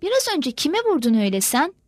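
A woman's voice: high voice, big pitch swings, brisk, no room sound, studio quality. A woman voicing a scheming old peasant man who scolds his son. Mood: scolding.

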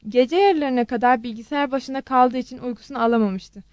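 A woman narrating an audiobook in a steady, measured manner. Her voice sits somewhat high, and the recording is close and dry with no room sound. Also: no room sound, muffled recording.

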